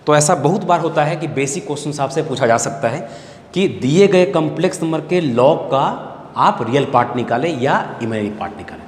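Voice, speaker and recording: A man's voice: fairly high pitch, expressive, normal speed. Bihari man lecturing in an echoey hall. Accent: Bihari Hindi. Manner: repetitive, asks the class questions and answers them. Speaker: math teacher. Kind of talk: classroom lecture. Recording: echoey hall, faint background hiss.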